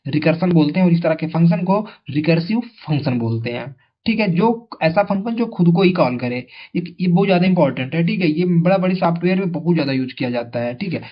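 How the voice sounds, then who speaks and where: A man's voice: a little high, animated, fairly quick. A male tutor giving an exam coaching lesson in a chatty way, asking his students questions and repeating the answers. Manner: calls viewers brother. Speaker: teacher. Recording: dull lo-fi sound.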